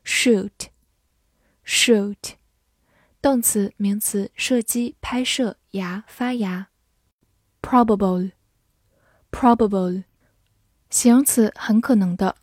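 A woman teacher reading out an English word list, saying each word twice and giving its meanings in an even recitation. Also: mid-range voice, extremely slow, long pauses, no room sound. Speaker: vocabulary teacher.

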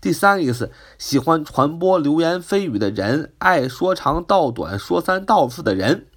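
A man's voice: big pitch swings, moderate pace, fairly bright tone. A man teaching English vocabulary, spelling words out letter by letter and explaining them in Mandarin. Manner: rises in pitch on questions. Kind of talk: vocabulary lesson.

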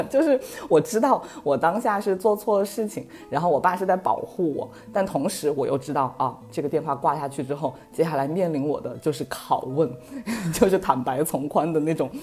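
A woman in her thirties chatting casually on a podcast, telling a story in a lively way and laughing often. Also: sits low, a little fast. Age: 30s. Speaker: podcast guest.

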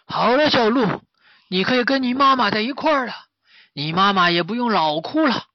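A fretful, exclaiming martial arts master, as a man reading a storybook puts him on. The voice sits high and lively, a little set back, with a dry, dull sound. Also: moderate pace, dry recording.

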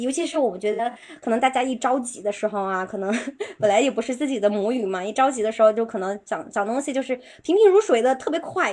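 A woman's voice: on the high side, darkish tone. Patient woman teaching English pronunciation. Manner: explains patiently, with many drawn-out filler particles; slows down to model English sentences. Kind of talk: live-stream lesson.

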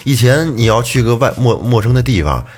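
A man's voice: medium pitch, sing-song, fast talker. A man talking informally as part of a casual conversation. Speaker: podcast panelist. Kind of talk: casual chat.

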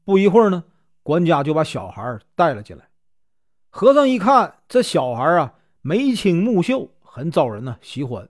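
Lively Northeastern storyteller man. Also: fairly high pitch, normal speed. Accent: Northeastern Mandarin. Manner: chatty, with filler particles between phrases. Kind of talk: traditional storytelling narration.

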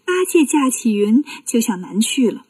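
Woman storyteller for children, expressive, close dry recording. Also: fairly high pitch, moderate pace, no room sound, recorded from a distance.

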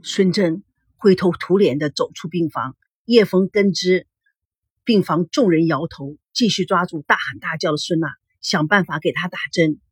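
A woman reading a novel aloud in a dramatic, animated storytelling manner. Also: lowish voice, moderate pace, breathy edge, dry recording, clean studio sound. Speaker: audiobook reader.

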